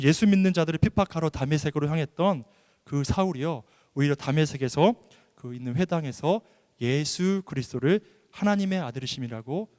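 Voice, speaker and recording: Animated man preaching in a reverberant church. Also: a little high. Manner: animated storytelling with frequent laughs and acted-out quotes. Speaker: pastor. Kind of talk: sermon. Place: church hall.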